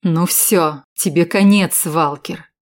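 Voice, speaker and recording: A woman's voice: lowish voice, fairly even intonation, a little slow, mellow, husky. Woman voicing a wounded young hero. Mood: urgent.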